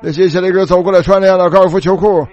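A male preacher telling a story in a sermon, animated and repetitive, retelling dialogue as he goes. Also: high voice, very fast, highs cut off.

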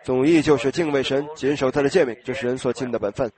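Casting: male preacher, slightly hoarse voice, mid-pitched, informal Sunday address, congregation audible around him. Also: quick pace, crowd noise. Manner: conversational, asking the congregation questions. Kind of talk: informal sermon.

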